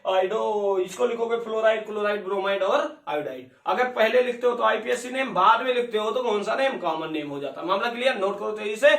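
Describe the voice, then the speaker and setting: A man's voice: high-pitched, fairly quick, gravelly, few pauses, a bit bright. A male chemistry teacher lecturing a class, firing questions at his students and answering them himself, calling them beta and bhaiya. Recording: echoey room, voice from far off.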